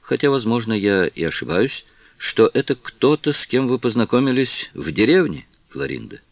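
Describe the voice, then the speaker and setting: A man reading the lines of a composed aristocratic gentleman who speaks slowly and with measured calm, in an audiobook. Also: mid-range voice, creaky, no room sound, voice pushed up. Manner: slow, measured, condescending calm.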